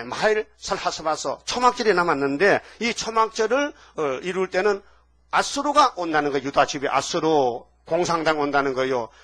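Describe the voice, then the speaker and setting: An older man delivers a sermon. His voice is bright and forceful, a little higher than most men's. He keeps breaking into animated acted-out dialogue from scripture. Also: no echo. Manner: animated preacher, acts out biblical dialogue. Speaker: pastor.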